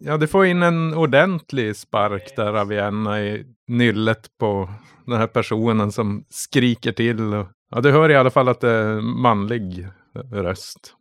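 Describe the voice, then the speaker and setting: A man's voice: fairly low pitch, hardly any pauses, fairly bright tone, no room sound. A man narrating a tabletop role-playing game as game master.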